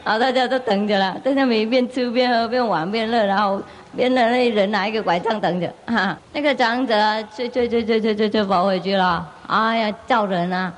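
Animated woman teacher telling a story. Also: fairly high pitch, brisk, hardly any pauses. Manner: animated, laughs often while telling. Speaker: spiritual teacher. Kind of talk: storytelling sermon.

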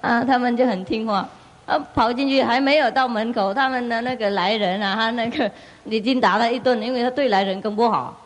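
A woman spiritual teacher tells a parable to her listeners with a fairly high voice. She speaks in an animated way and breaks into laughter often as she narrates. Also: brisk. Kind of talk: storytelling sermon.

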